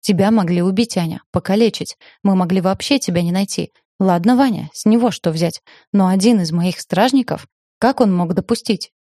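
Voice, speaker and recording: A woman's voice: medium pitch, normal speed, warm tone, no room sound, clean studio sound, natural voice. A woman doing a hot-tempered young prince. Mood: angry. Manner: tense, reproachful.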